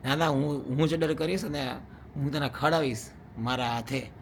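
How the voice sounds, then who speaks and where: A man's voice: fairly high pitch, moderate pace, slight background noise. A young man vlogging at home as a husband, chatting casually and teasingly with viewers and laughing often. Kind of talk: casual vlog chat to viewers.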